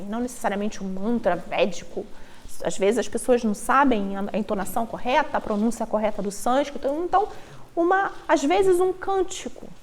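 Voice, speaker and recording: A woman giving a relaxed live talk to a retreat group, her voice sitting high and moving through a wide, animated range. She explains in a conversational way and thinks out loud through hypothetical examples, as though chatting with the room. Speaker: Vedic astrologer giving a talk. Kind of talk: informal lecture at a yoga retreat.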